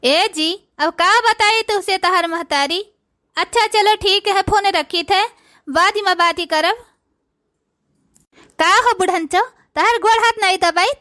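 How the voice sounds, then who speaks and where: A woman's voice: extremely high pitch, unhurried, bright, forceful tone, full character voice. A woman voicing a bold, scheming young daughter-in-law in a cartoon, with an Awadhi accent and a sassy, boastful manner. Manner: sassy, boastful, talks to the audience. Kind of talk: comic cartoon dialogue.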